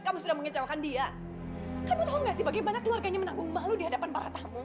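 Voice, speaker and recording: A woman's voice: very high voice, sing-song, very fast. An actress playing a distressed older sister who scolds her brother while near tears, in a TV drama. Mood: scolding tearful. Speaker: older sister figure (Mbak). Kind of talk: TV drama acting. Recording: TV drama with loud music behind.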